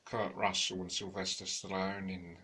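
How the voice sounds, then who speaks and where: A man's voice: sits low, flat delivery, normal speed, pushed and bright, slight background noise. A man giving a rambling, casual film review, full of fillers and restarts, tired and yawning. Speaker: home video reviewer.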